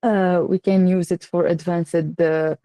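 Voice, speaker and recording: A woman with a North African, Tunisian accent presents an online workshop in a halting way with frequent filled pauses. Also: fairly low pitch, flat delivery, warm tone, no echo, clean studio sound. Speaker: workshop speaker, AI engineer. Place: online video call.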